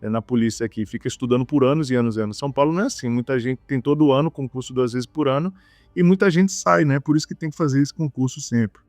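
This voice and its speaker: Male interview guest from Bahia, mid pitch, dry sound, lots of fillers. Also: quick pace, a little mellow, no room sound. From Bahia, Brazil. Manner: fillers and repeated words. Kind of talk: conversational interview.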